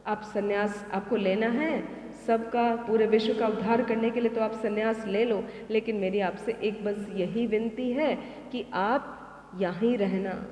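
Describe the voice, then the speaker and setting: A woman's voice: a little high, fairly even intonation, a little slow, a little mellow, lightly acted. A woman playing a pleading devoted disciple. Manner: pleading, rising emotional appeals. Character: devoted male disciple pleading with his master. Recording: reverberant hall.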